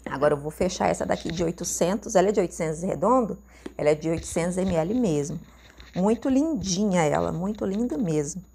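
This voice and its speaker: A woman from Brazil chatting excitedly to her viewers while unboxing kitchenware at home. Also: on the low side, a little fast, gravelly, breathy edge. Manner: chatty and gushing, calls viewers "amores". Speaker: vlogger unboxing and reselling kitchenware. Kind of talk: casual unboxing chat to viewers. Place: home room with a mirror.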